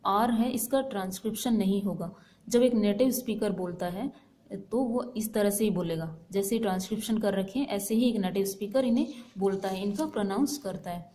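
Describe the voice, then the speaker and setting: This is a woman teaching an English lesson for exam students, with a warm and mellow voice at a middle pitch. She reads the definitions slowly and carefully, then talks them through in a casual, explaining way. She keeps checking that her students are following. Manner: slow, deliberate reading of English definitions, chatty Hindi explanation.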